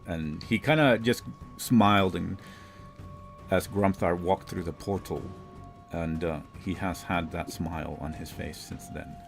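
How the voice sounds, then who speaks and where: A man's voice: deep voice, unhurried, vocal fry, faint music behind. A man narrating a tabletop game as game master.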